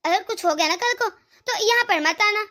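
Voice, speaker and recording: A woman's voice: very high-pitched, normal speed, sharp tone. A woman voicing a stern, protective older mother in a cartoon, lecturing her daughter. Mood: scolding. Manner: scolding, lecturing. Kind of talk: cartoon voice acting.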